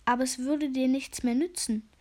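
A woman voicing a gloomy, self-important old male raven sage with a croaking voice and a grave, solemn way of speaking. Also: sits high, steady tone, moderate pace, darkish tone, voice pushed up. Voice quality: croaking, rasping.

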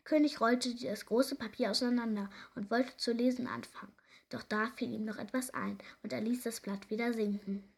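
A woman reading a German fairy tale aloud in a lively storytelling manner, with the odd slip. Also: fairly high pitch, normal speed. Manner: lively read-aloud narration with small slips.

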